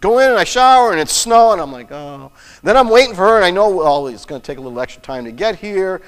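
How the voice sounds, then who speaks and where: A man's voice: high voice, expressive, quick pace, long reverb tail. A middle-aged man preaching a sermon in a church, telling a personal story in an earnest way with frequent restarts. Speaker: pastor. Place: church sanctuary.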